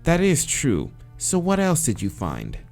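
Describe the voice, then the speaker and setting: Faint music sits behind this man's fairly high voice, which has vocal fry and a measured pace. Playing a visual novel as a let's play, he reads dialogue aloud, reacting with hesitant muttering and swearing while choosing answers before settling into steady reading.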